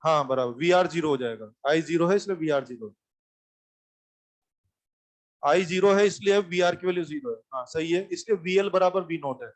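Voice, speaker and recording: Male physics teacher, high voice, repetitive classroom explainer. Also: a little fast. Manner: addresses students directly, repeats points, tells them to sit and listen. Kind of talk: classroom lecture. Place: classroom with live students.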